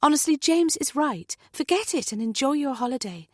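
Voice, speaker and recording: A woman voicing a brisk, upbeat female friend who speaks firmly and emphatically. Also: high-pitched, expressive, darkish tone, dry recording, studio quality, pitched above the performer's own voice. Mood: firmly reassuring. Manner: firm, emphatic.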